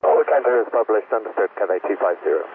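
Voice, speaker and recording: A man's voice: on the low side, expressive, very fast. A man speaking as an airline pilot, giving clipped readbacks over crackly aviation radio. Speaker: airline pilot reading back instructions. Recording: crackly, very narrow, noisy radio transmission.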